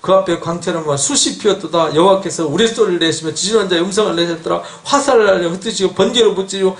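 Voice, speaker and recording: A middle-aged male pastor preaching an expository sermon in a church, animated and quizzing his congregation with questions. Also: high voice, fast. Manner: animated, asks the congregation questions, acts out an angry God. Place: church sanctuary. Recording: echoey church hall.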